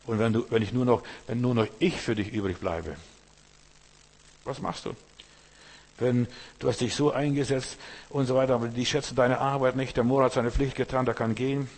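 Husky-voiced German man preaching. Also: medium pitch, fairly even intonation, normal speed, a little mellow. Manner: pastoral, addresses listener directly with rhetorical questions; acts out quoted voices of troubled believers. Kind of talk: sermon.

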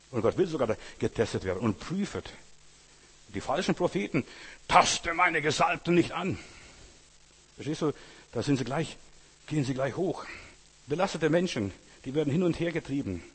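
A man's voice: medium pitch, a little mellow, slightly rough, in a large hall. A man preaching a sermon, emphatic and repetitive, often addressing the listener directly.

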